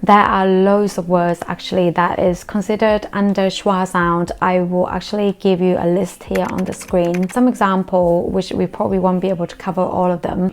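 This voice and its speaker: A young woman, not a native English speaker, teaching pronunciation to camera, slowing down to say example words deliberately. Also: fairly low pitch. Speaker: accent coach. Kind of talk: explanatory lesson to camera.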